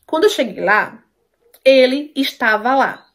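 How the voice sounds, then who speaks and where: A woman's voice: sits high, expressive, unhurried, fairly bright tone. A woman tells a personal story to her viewers, emphatic and repeating herself, often checking that they follow. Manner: emphatic, repeats herself, asks listeners for agreement.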